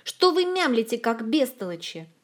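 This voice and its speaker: A woman's voice: fairly high pitch, moderate pace, darkish tone, pitched above the performer's own voice, natural voice. A woman doing a flustered, bewildered young woman. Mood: shouting. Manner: exasperated, bewildered.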